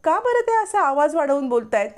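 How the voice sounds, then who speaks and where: A woman's voice: high-pitched, sing-song, a little fast, voice pushed up. A woman voicing a curious, chatty mother of the house who asks questions and soothes.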